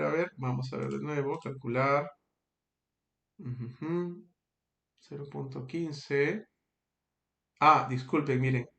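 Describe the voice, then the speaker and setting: Male teacher, patient step-by-step explainer, fairly high voice, echoey room. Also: vocal fry, a bit bright. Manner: patient, checks in with frequent tag questions. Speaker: statistics teacher. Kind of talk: screen-recorded tutorial.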